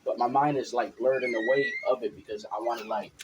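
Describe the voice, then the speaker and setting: Casual male vlogger, mid-pitched, loose and rambling with lots of fillers, over a faint hiss. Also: steady tone, fairly quick. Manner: rambling, filler-heavy, keeps asking "you know what I'm saying". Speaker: spiritual vlogger. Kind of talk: casual motivational talk.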